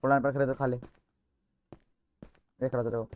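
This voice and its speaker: A man gaming with a teammate who gets excited and panics in fights. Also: medium pitch, moderate pace, muffled recording. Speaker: gamer. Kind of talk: casual gaming chat with a teammate. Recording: noisy, with mouse clicks behind.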